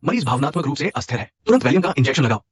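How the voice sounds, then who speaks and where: A scheming doctor speaks in a lively, husky voice that turns clinical or fawning as needed. Dubbed for a TV drama in a dry studio. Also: male voice, mid-range voice, very fast, no echo. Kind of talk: Hindi dub of a TV drama.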